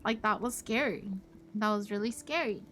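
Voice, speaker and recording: A woman's voice: medium pitch, moderate pace, fairly bright tone, slight background noise. A woman live streamer telling a rambling story to her chat in a casual way, full of fillers. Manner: chatty, rambling, many fillers; greets chat viewers mid-story.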